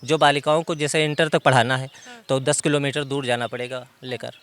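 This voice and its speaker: A man's voice: medium pitch, steady tone, a little fast, a bit bright, clean tone. A man from the village answering a reporter outdoors, laying out facts and figures in detail. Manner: informed, explains in detail. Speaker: villager interviewee. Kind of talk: outdoor interview.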